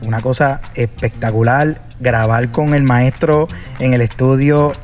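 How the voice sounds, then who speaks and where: A man's voice: mid-range voice, fairly even intonation, measured pace, a little mellow, faint music behind. A man from Puerto Rico with a Puerto Rican accent, a salsa singer telling stories as a guest in a casual interview, full of fillers and restarts. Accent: Puerto Rican Spanish. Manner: chatty storyteller, many fillers and restarts.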